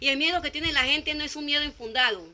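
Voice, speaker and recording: A woman's voice: high-pitched, fast talker, background noise. A woman preaching a sermon, speaking emphatically with repeated phrases and acting out short quoted exchanges. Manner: emphatic repetition, acts out quoted dialogue.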